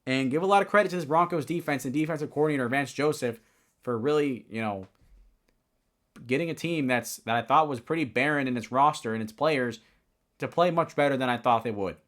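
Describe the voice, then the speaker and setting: A young man talks through the week's football games on his own show, loose and opinionated. He wanders off track, stumbles, and corrects himself as he goes, at a middling pitch. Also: brisk, a bit bright. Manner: rambling, self-correcting, opinionated. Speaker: sports podcast host. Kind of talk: casual solo football recap.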